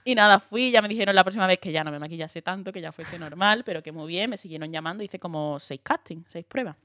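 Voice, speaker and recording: A young woman from Andalusia, chatting as a guest and telling lively stories with laughs. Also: on the low side, fast, no echo, studio quality. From Andalusia, Spain. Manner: lively storyteller, laughs often, acts out quotes. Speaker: guest actress. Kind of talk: casual chat.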